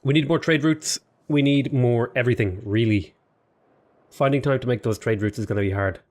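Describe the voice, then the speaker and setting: Here a man with a medium-pitched, somewhat mellow voice speaks at a normal speed. He's a gaming YouTuber doing relaxed let's play commentary for a strategy game, rambling, thinking out loud, and chatting to his units, all while sounding sniffly and a little ill.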